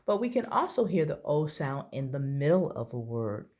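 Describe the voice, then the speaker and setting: A woman's voice: low-pitched, very animated, moderate pace, a little mellow. A woman teaching a phonics lesson to young children, patiently drawing out each letter sound. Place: at home.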